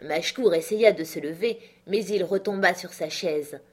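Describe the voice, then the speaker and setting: A woman narrating a classic novel as an audiobook, measured and expressive. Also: lowish voice. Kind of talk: literary audiobook reading.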